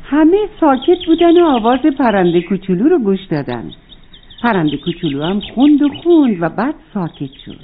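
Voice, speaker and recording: Brief: female storyteller for kids, lively animated reading, thin phone-like sound. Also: medium pitch, a little hiss or hum. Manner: warm, addresses the children. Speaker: storyteller for children. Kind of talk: children's story narration.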